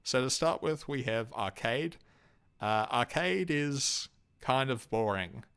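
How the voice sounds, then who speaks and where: A young Australian man giving a casual, unscripted talk on game characters, halting often with ums, uhs and restarts. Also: mid-range voice, lively intonation, a bit bright, smooth. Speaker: YouTube host ranking game companions.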